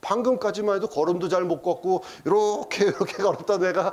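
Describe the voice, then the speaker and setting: Middle-aged male pastor, high-pitched, preaching a sermon in church, acts out the voices in his stories. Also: a little fast, a little mellow. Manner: storytelling, acting out quotes with English phrases.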